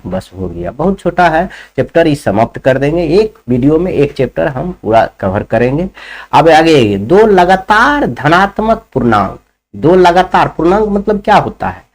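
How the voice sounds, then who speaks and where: Higher-pitched male math teacher. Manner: explains step by step and keeps asking students questions. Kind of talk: classroom lesson.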